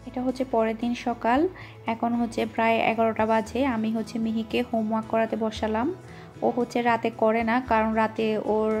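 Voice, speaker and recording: A woman's voice: fairly high pitch, darkish tone. A woman vlogger from Bangladesh chatting casually while she cooks in her home kitchen, in a homely, rambling way. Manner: chatty, homely, with frequent fillers. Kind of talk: casual cooking vlog narration.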